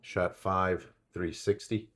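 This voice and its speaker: A low-voiced man with a New England accent talks through a hands-on gear test. He calls out readings one after another and rambles into chatty asides between them, in an easy, unscripted way. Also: fairly even intonation, slow pace, heavy background noise. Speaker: channel host testing gear. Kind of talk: casual hands-on test narration.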